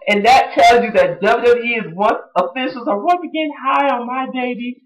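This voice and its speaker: A wrestling show reviewer recapping an episode in a casual vlog, excitable and full of fan slang. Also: mid-range voice, moderate pace, rough recording. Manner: excitable, breaks into song and impressions.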